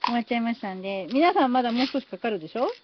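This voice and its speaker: A woman live-streams from her phone, chatting casually and thanking viewers for their comments while she builds. Her fairly high voice is lively and rapid-fire. The phone stream audio sounds slightly dull, with faint noise.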